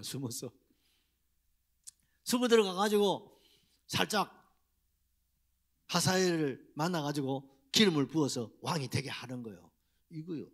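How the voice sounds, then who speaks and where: A middle-aged man, preaching a Sunday sermon in a church and putting rhetorical questions to the congregation. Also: a little high. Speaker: pastor. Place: church sanctuary.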